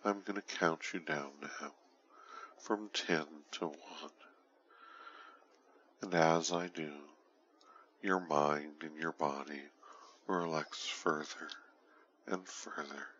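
An extremely low-voiced man guides a hypnosis session at a very slow pace. His delivery is hushed and soothing, right up close to the ear, slipping into whispers. The recording is slightly lo-fi with faint noise. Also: steady tone. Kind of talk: guided hypnosis relaxation, counting down. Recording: dull lo-fi audio with faint noise.

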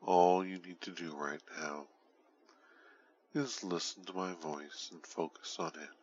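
A man speaking as a hypnotist in a guided relaxation, soothing and hushed, intimately close to the ear, often trailing into whispers, on a dull recording. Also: sits low, fairly even intonation, unhurried. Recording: dull lo-fi audio with faint noise.

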